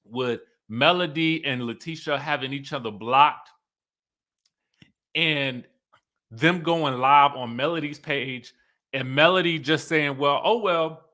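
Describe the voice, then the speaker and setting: A man's voice: fairly high pitch, takes it slowly. A man hosting an online review show, chatting casually and emphatically to his viewers and often checking in with them. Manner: animated, conversational, emphatic, often checking in with listeners. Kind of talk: casual livestream commentary to viewers.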